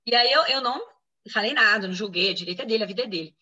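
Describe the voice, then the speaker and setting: A Brazilian woman physician answers interview questions about a medical case from her own experience, her slightly high voice racing along. She explains things clearly and brings other people's words to life by acting them out.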